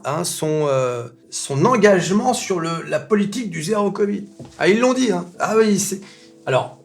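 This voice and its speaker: A man hosting a casual market commentary video, chatty and animated, full of fillers and rhetorical questions. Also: a little high, vocal fry. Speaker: finance video host.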